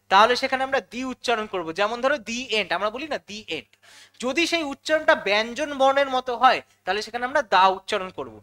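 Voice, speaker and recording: A quick-talking woman teaches English grammar. She goes step by step, repeats the key words and keeps checking in with her students through questions. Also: high-pitched, a bit bright. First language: Bengali. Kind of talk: classroom-style lesson explanation.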